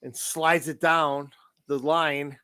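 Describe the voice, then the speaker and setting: A man co-hosting a podcast, chatting crudely and excitably about a movie and laughing often. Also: fairly high pitch, slow pace, clean tone, dry recording. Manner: profane, excitable, laughs a lot. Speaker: podcast co-host. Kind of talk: crude casual chat.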